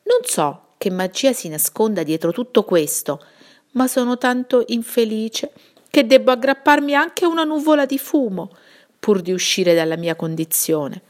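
A despairing, lovesick fairy-tale duke, voiced by a woman reading aloud. His voice climbs high and loud with theatrical self-pity. He is gentle, homely and sure no one could love him. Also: lively intonation, normal speed, natural voice. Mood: lamenting.

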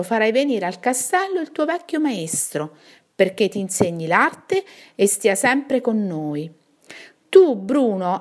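A woman voicing a strong, brave and generous young knight in a bedtime story, confident and steady. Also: medium pitch, voice pushed up.

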